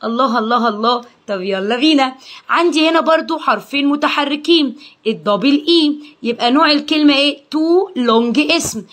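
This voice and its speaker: Egyptian woman, young adult, higher voice, slow drilled phonics teaching, cheerful praise. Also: fairly bright tone. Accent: Egyptian Arabic. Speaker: English pronunciation teacher. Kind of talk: phonics lesson for children.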